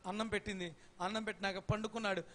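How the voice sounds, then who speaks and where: A male pastor preaching an impassioned sermon, telling a story and building to shouted appeals. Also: high-pitched, steady tone, racing.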